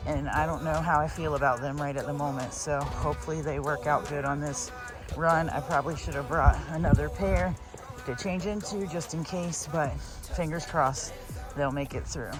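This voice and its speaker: A woman's voice: low voice, fairly even intonation, normal speed, over music. A woman chatting casually to her vlog viewers. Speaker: vlogger.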